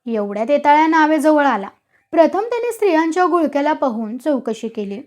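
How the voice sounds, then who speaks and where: A woman's voice: high voice, very animated, brisk, a little mellow. A woman storyteller reading a village story aloud with dramatic, vivid narration.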